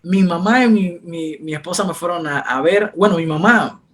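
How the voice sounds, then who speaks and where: A young man telling his personal faith testimony in an earnest, conversational way, softening his voice when he quotes others. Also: high voice, moderate pace. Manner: earnest, retells dialogue in soft quieter voices. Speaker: testimony speaker.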